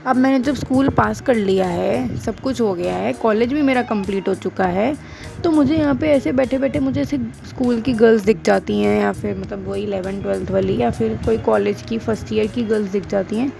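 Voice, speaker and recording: Speaking briskly over background music, a woman with a fairly high, gravelly voice chats to her viewers. She's in her twenties, a vlogger and school teacher, and her casual Hinglish talk is chatty, self-mocking, and peppered with English.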